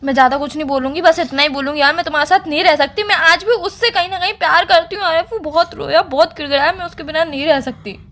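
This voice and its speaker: A young woman with a very high, sharp, bright voice talks over a phone line. She speaks quickly and bluntly, firm in her words. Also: steady tone. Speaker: girlfriend on a phone call. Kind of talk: phone conversation. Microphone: phone call recording.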